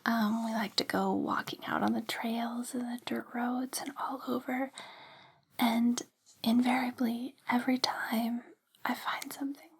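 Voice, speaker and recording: A woman hosting ASMR in a breathy, unvoiced whisper, speaking gently in slow, deliberate phrases. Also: a little high, little pitch movement. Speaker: ASMR host.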